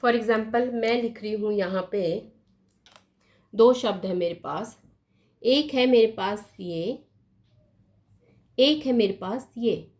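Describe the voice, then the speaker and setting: A woman teaching a lesson, writing words on a board and repeating each one slowly, often asking her pupils questions. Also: on the high side, darkish tone. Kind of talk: slow classroom explanation at a board.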